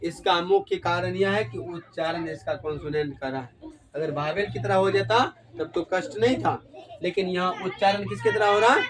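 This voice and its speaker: A male teacher with a high voice leads a classroom grammar lesson. He keeps asking the class questions and repeats each key word back to them. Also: moderate pace, a crowd in the background. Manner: call-and-response questioning, repeats key words.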